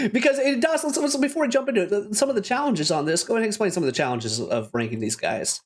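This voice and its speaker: Canadian guy hosting a game podcast, upbeat, laughs a lot, slightly high voice. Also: animated, quick pace. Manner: upbeat, laughs often, loose restarts. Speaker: podcast host. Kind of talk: casual podcast chat.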